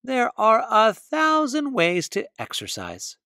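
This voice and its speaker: A man voicing a kind, firm female fox teacher in a storybook, gentle but encouraging. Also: high voice, wildly swooping pitch, slow pace, no echo, clean studio sound, voice pushed up, heavily acted.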